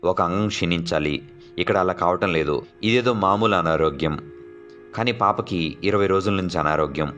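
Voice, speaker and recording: A man with a very low voice reads a horror story aloud as a narrator. He carries the characters' dialogue with small shifts of voice, and soft music plays underneath. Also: moderate pace, lo-fi sound. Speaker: audiobook narrator.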